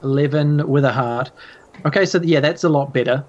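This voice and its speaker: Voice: medium pitch, brisk, a little mellow, highs cut off. A game master running a tabletop game in a casual, hesitant way, full of ums and likes.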